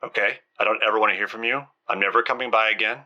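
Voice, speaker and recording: A man voicing an angry woman who hisses and swears in a low, hurried voice. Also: animated, bright, forceful tone, husky, lo-fi sound, full character voice. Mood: resigned. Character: hushed, furious woman caught at work.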